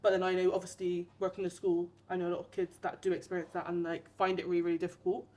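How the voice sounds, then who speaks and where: Flat-toned young woman, low voice. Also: rapid-fire. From England. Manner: hesitant, many fillers. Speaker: rugby player. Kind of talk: casual group chat.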